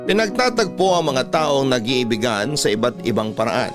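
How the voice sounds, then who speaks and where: Over soft background music, a male radio host with a Filipino accent reads letters aloud in an earnest, sentimental, classic storytelling manner. His medium-pitched voice has lively intonation and moves at normal speed.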